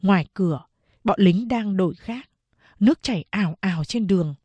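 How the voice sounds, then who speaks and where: A woman narrating a first-person literary story in a steady, measured way. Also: medium pitch, breathy edge, no room sound. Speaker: audiobook reader.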